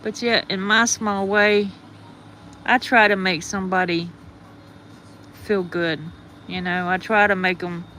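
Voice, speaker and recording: A woman's voice: mid-range voice, flat delivery, a little slow, long pauses, pushed and bright, a little hiss or hum. A woman hosting a livestream with a groggy morning voice, rambling casually and greeting her viewers. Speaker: livestream host.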